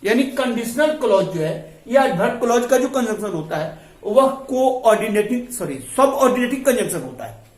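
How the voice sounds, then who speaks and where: A man's voice: high voice, sing-song, moderate pace. A man teaching an English grammar lesson, explaining step by step and repeating the key terms. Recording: echoey room.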